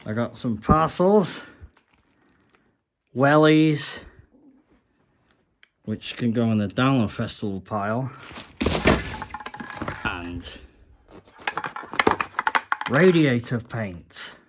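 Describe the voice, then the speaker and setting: A man's voice: medium pitch, takes it slowly, pauses often, very noisy. A man vlogging with a phone, talking in a rambling, tipsy way and swearing now and then. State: drunk. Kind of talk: casual vlog narration. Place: bus, street and home.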